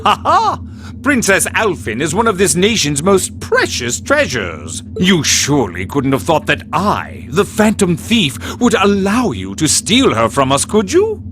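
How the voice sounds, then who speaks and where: An actor playing a flamboyant gentleman thief in a video game, smug and teasing, with florid, theatrical phrasing. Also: high voice, wildly swooping pitch, a little slow, soft background music, full character voice. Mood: amused, theatrical.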